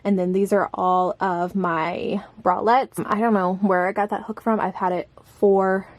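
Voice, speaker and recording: A woman's voice: mid-range voice, level tone, unhurried, dry recording. A young woman giving a chatty, upbeat closet tour for her vlog, talking to camera with light laughs. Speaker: home organization vlogger.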